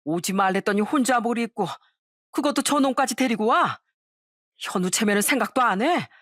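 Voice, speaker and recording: A woman's voice: fairly high pitch, animated, brisk, a bit bright, no room sound, clean studio sound, voice pushed up. A woman voicing an exasperated middle-aged father angrily sending his ex-wife away. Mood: angry. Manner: exasperated, urgent.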